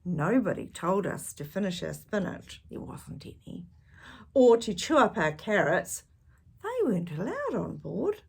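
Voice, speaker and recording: Speaking a little slowly in a medium-pitched, slightly rough voice with vocal fry, a woman reads a picture book aloud at a kids' storytime. Her delivery is animated, punctuated by gasps and hushed, wondering asides to the young listeners.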